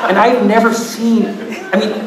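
A man's voice: high-pitched, flat delivery, normal speed, over a noisy crowd. An older man giving a live slideshow talk, rambling and self-deprecating, often laughing through his stories. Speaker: presenter at a climbing event. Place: event hall with live audience. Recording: echoey hall audio from far off.

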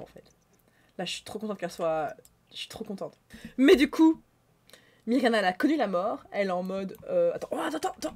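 Excitable woman gaming YouTuber. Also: medium pitch, slightly rough. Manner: excitable, gushing, talks to viewers. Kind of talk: casual Let's Play commentary.

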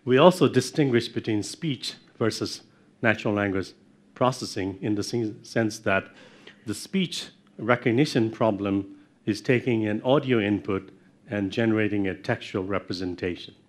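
A man's voice: fairly low pitch, moderate pace. A middle-aged man giving a university lecture, explaining step by step and putting questions to his audience in a lecture room.

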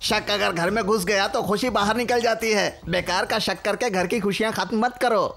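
A woman's voice: mid-range voice, moderate pace, vocal fry, fairly bright tone, faint music behind. A woman voicing a sly, cowardly old husband who pleads and cracks jokes, in a film dub. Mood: joking. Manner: pleading, wisecracking. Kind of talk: Hindi film dub acting.

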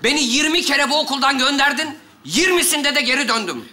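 A man's voice: extremely high pitch, lively intonation, brisk, sharp tone. A man playing a brash, threatening teacher in a stage comedy sketch.

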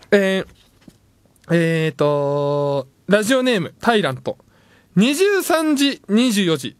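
A man hosting a late-night radio show, reading listener messages in playful, self-mocking banter and jumping suddenly into higher tones. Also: lively intonation, slow, long pauses, clean tone, no echo. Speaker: radio host. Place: radio studio. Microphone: studio microphone.

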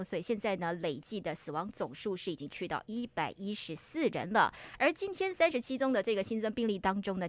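A woman reads news updates on the radio in a brisk, upbeat way, drawing out her sentence particles. Her pitch is middling for a woman. The studio sound is close and dry. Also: no room sound. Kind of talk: conversational news reading.

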